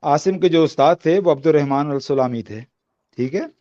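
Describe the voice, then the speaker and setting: Debater, male, high voice, lo-fi call audio, keeps restarting and saying no, no. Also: moderate pace, dark tone. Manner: hesitant, stumbling restarts, repeated denials. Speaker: debater defending his faith. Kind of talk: heated online debate.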